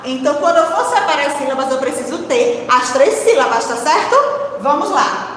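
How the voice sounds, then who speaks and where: A woman's voice: high voice, expressive, slight background noise. Teacher woman spelling syllables, echoey room. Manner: slow, spelling out syllables to children; encouraging, asks the class questions. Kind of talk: primary-school literacy lesson. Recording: echoey room with long reverb.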